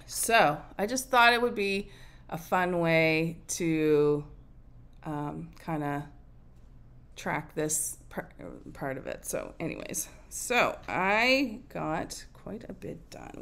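Slow-talking woman chatting about her stitching. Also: lowish voice, fairly bright tone, a little hiss or hum. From Nova Scotia, Canada. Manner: chatty, thinking aloud with many ums. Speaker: cross-stitch video host. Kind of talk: casual show-and-tell chat. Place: home room with window blinds, indoors. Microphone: fixed camera at desk distance.

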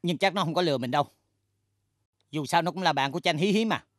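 A woman's voice: low voice, fast talker, no room sound, studio quality. An actress playing an exasperated music company boss in a sitcom, scolding her staff dramatically. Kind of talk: sitcom acting.

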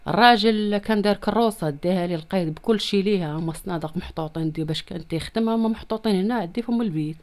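Fast-talking Moroccan woman, plaintive. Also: mid-range voice, a little mellow. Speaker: interviewee appealing for help. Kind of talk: personal plea in a street-press interview. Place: small room at home. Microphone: handheld reporter's microphone close to the mouth.

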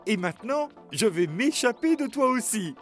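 A man's voice: high voice, sing-song, normal speed, faint music behind. A man voicing a boastful runaway pancake in a cartoon, taunting in a sing-song way. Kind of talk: cartoon voice acting.

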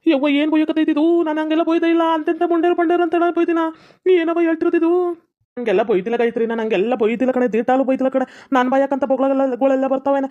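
A woman voicing a grumpy older father-in-law in a cartoon, with a North Karnataka accent and a shrill, whining manner. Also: fairly even intonation, fast, mellow, highs cut off, natural voice. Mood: protesting. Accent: North Karnataka Kannada. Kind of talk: cartoon comedy voice acting.

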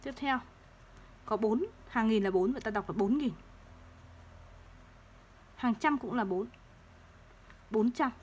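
A woman teaching third-grade math, explaining place values slowly and patiently and repeating each number. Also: on the high side, darkish tone, breathy edge. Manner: slow, patient, repeats numbers to drill them.

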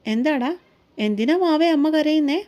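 A woman voicing a protective young man in a romance story, asking gentle but insistent questions. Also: high voice, normal speed, lightly acted. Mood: concerned.

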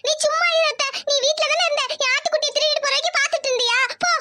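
A woman voicing a small, stubborn village girl who cries for her lost lamb, in a high whiny child voice. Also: fairly even intonation, very fast. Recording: loud background noise.

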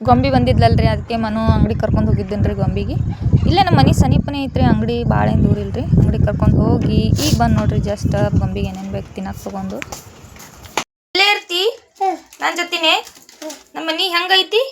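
A woman's voice: mid-range voice, steady tone, fast talker, over loud music. A woman, chatting casually to viewers as she cooks at home for her vlog. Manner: chatty, addresses viewers politely with frequent "ri". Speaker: vlogger.

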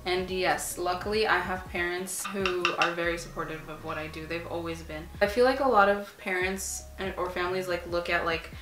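A chatty woman in her 20s, an artist and vlogger whose first language is Arabic, answers questions casually while painting on a couch in a small home room. She sounds relaxed, speaks at a moderate pace with hardly any pauses, uses "like" constantly, and has a fairly low voice. A camera a few feet away records her reverberantly over loud music.

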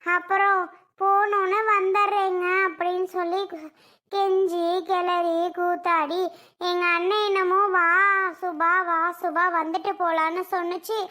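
A woman's voice: very high-pitched, little pitch movement, unhurried, pushed and bright, full character voice. A woman playing a chatty, fretful younger sister visiting her elder brother in a home-made family drama skit.

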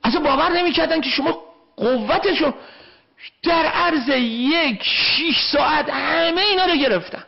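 Man w/ iranian persian accent telling a story, high gravelly voice, muffled lo-fi sound. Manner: animated storyteller acting out quoted voices. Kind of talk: storytelling anecdote. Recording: dull lo-fi recording.

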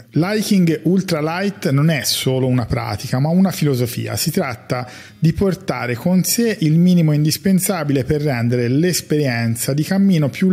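A man in his forties, a psychologist, giving a measured, reflective talk to camera on a studio mic in a small bright room. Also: mid-range voice, breathy edge. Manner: measured, reflective, gestures while talking. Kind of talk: calm explanatory monologue to camera. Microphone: large studio mic on a stand in front of him.

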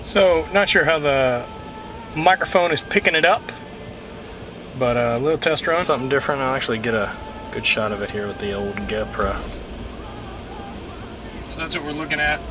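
A young man with a Texan accent talks casually to a camera mounted on the dashboard of his pickup truck. His mid-range voice moves at a moderate pace, relaxed and rambling, with frequent pauses and lots of fillers, while music plays underneath.

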